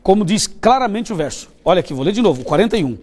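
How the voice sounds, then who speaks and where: This televised sermon comes from a pastor with a Brazilian Portuguese accent who tells stories like he's chatting and keeps questioning his listeners. His darkish voice sits high, swings widely in pitch, and comes out rapid-fire.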